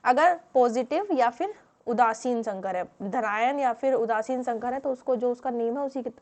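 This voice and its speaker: Brief: female chemistry teacher, high voice, patient step-by-step lecture full of "ठीक है" checks. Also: moderate pace, a little mellow. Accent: Hindi-English mix. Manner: explains step by step with many fillers and rhetorical questions. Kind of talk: classroom lecture.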